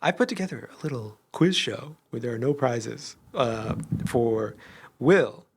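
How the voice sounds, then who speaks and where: A man's voice: mid-range voice, animated, moderate pace, creaky, slightly rough. A man co-hosting a podcast, chatting casually, hesitant with many restarts and laughs. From Iowa. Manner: hesitant, restarts often, laughs while talking. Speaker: podcast co-host. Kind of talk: casual chat.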